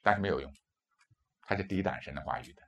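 A man's voice: low-pitched, expressive, fast. A man in his fifties from China, preaching a sermon with emphatic rhetorical questions. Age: 50s.

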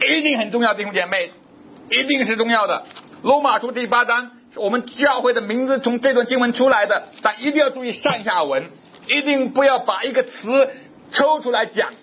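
A man preaching a sermon, asking questions and answering them himself, and reading scripture aloud slowly. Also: high-pitched, dull audio, slight background noise. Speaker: pastor.

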